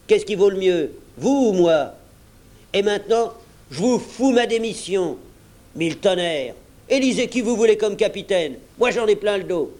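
A man's voice: mid-range voice, slow, pauses often, lightly acted. A man voicing a blustering, cunning male pirate captain who bullies and mocks his crew. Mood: defiant. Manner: loud, bullying, scornful.

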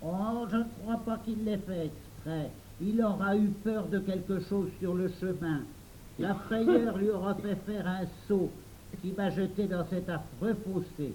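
A man reading a gentle, flustered boy. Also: sits high, a little slow, slight background noise, low-quality recording. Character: kind, overworked boy errand-runner. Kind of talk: audiobook character reading.

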